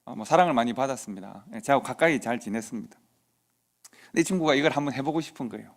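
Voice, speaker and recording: A man's voice: mid-range voice, fast. A middle-aged man preaching in a church, telling a personal story in a conversational way and acting out the dialogue. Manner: conversational anecdote with quoted dialogue. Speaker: pastor. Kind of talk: sermon storytelling. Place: church sanctuary.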